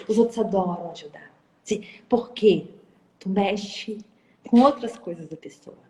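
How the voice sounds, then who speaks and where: A woman, a guest in a live-stream interview, talking in an animated way and acting out sales calls. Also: medium pitch, takes it slowly, big-room sound. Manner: animated, acts out phone calls and sales talk. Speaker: entrepreneur guest. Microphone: phone or video call.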